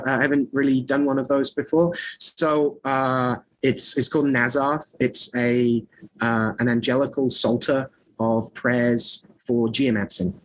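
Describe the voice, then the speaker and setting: In a low-quality recording, a man with a mid-range voice is interviewed as an author and scholar of magic on a podcast. He rambles conversationally, full of fillers, restarts and self-mocking asides.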